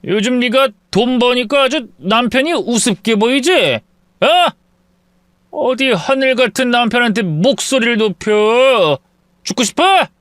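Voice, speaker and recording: A drunken, belligerent husband barks and bullies, as a man puts him on, his voice pushed up high and swinging wildly. The sound is dry and close. It comes from a dramatic audio story. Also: very animated, unhurried, no room sound, exaggerated voice. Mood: threatening. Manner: belligerent, shouting, slurring threats. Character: drunk, bullying middle-aged husband.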